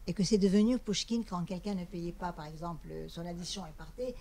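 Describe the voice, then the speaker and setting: Dark-voiced woman moderating a talk. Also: on the low side. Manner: brief prompts and measured questions. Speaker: event moderator.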